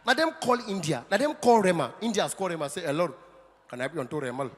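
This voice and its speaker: On stage at a large venue, a Nigerian man performs playful stand-up for an audience like a practised showman, slipping Pidgin into his patter. He talks fast in a slightly high voice with big swings in pitch. The live recording is reverberant with background noise.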